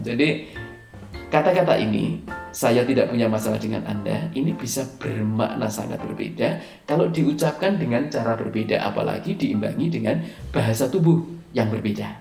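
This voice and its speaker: This recorded slide lecture features a man with a medium-pitched, slightly mellow voice with vocal fry, speaking fairly quickly. He teaches presentation skills, hesitating with fillers and stressing key words, while faint music plays in an echoey room.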